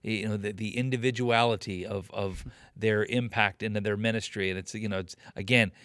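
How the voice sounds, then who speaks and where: A man's voice: fairly low pitch, fairly even intonation, a little fast, a bit bright, no room sound, clean studio sound. A man in his late fifties, a pastor being interviewed, talking about leadership in an earnest, preaching way with emphatic repetition. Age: 50s. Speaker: pastor and guest. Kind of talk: conversational interview on ministry leadership.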